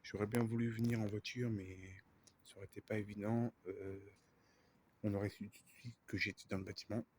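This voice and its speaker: A man talking quietly in a hushed, often half-whispered way, narrating an exploration vlog at night. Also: fairly low pitch, flat delivery, moderate pace, slight background noise. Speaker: urbex explorer filming for viewers. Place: inside a dark abandoned building.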